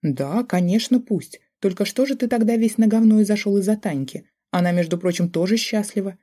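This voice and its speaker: An audiobook narrator voicing an indignant, scolding middle-aged mother, with a raised and exasperated delivery and a mellow tone. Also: medium pitch, fairly quick, voice pushed up, natural voice.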